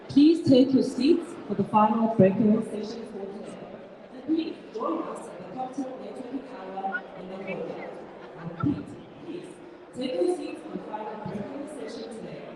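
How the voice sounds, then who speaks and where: A woman making a polite, measured announcement to a conference audience over the venue intercom loudspeaker, repeating her message. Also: medium pitch, lively intonation, noisy background. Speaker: event announcer. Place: large conference hall. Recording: echoey hall loudspeaker heard from far off. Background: crowd chatter.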